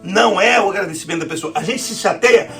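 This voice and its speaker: A woman's voice: medium pitch, fast, a bit bright, soft background music. A woman with a Brazilian accent preaching a sermon, often calling her listeners "querido" and asking for amens. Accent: Brazilian Portuguese.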